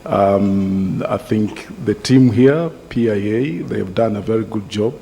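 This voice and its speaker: A man from Tanzania, introducing himself on a conference panel in a steady, measured way. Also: lowish voice, gravelly. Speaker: panelist, association director. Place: large indoor conference hall. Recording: reverberant hall with faint room noise.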